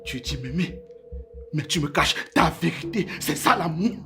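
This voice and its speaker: A man's voice: fairly high pitch, expressive, moderate pace, music in the background. A man with a Cameroonian French accent playing a hurt, angry young man who feels betrayed, in a web-series drama. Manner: wounded and accusing, bitter.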